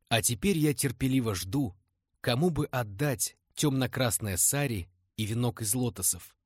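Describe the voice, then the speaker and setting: A man voicing a dying old woman, a fierce former temple dancer, with a slow, solemn, prophetic delivery. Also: medium pitch, no echo, studio quality, close to an everyday voice. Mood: bitter, brooding.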